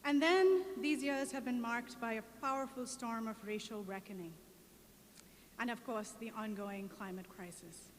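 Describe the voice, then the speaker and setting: A woman faculty member giving a commencement speech in a slow, emotional, deliberate cadence. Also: on the high side. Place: large outdoor venue with PA. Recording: reverberant PA sound with faint background noise.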